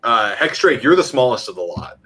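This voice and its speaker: A man with a medium-pitched voice runs a tabletop role-playing game. He narrates casually, prompting the players with questions. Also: very animated, fairly quick, pushed and bright, slightly rough. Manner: conversational, directing players with questions. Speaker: game master.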